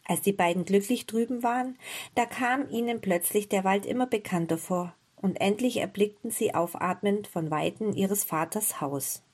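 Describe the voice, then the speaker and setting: Breathy woman reading a fairy tale. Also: medium pitch, normal speed, a little mellow. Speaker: storyteller.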